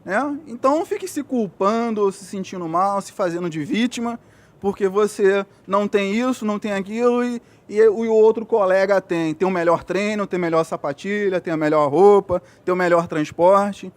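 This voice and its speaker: A man's voice: sits high, normal speed. A Brazilian man, a physiotherapist, giving an earnest motivational speech to young athletes, checking in often with his listeners. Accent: Brazilian Portuguese.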